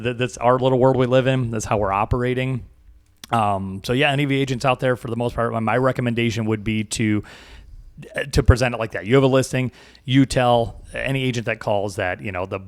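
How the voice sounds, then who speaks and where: A man's voice: medium pitch, dry recording, clean studio sound. A man co-hosting a podcast in casual chat, rambling and repeating words as he thinks aloud. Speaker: podcast co-host.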